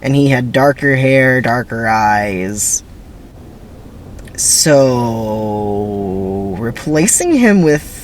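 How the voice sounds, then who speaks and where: A man's voice: medium pitch, a little hiss or hum. A man hosting a dramatic script reading, commenting in a chatty, self-deprecating way with emphatic asides. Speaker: channel host.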